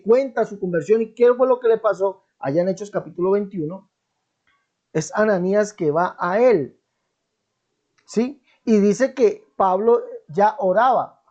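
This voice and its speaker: A man's voice: sits high, measured pace, a little mellow. A man giving an online Bible teaching commentary in an emphatic manner, repeating key phrases and often checking in with his listeners. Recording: dull lo-fi recording.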